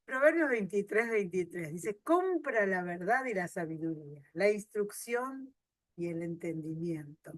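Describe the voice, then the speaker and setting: A woman pastor, preaching a sermon and swinging from loud emphasis to soft asides. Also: medium pitch, lively intonation, unhurried, dry recording.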